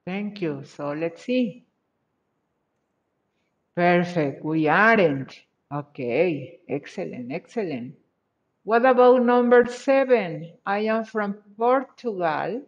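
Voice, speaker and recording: A woman teaching English over a video call, her words coming slowly and patiently as she praises each answer. The audio is muffled and lo-fi, like a laptop mic. Her colors her English. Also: on the low side, lively intonation. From Mexico. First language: Spanish. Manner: patient, encouraging, repeats praise. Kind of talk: online class, checking answers.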